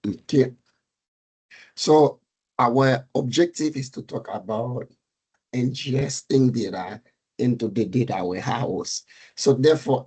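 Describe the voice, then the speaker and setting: Middle-aged male presenter with a Haitian Creole-French accent, unhurried and a bit husky, pausing often on fillers. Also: mid-range voice, darkish tone. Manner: halting, many fillers and restarts. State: recovering from a fever and cold. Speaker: meetup speaker, data architect. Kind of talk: technical presentation on a video call.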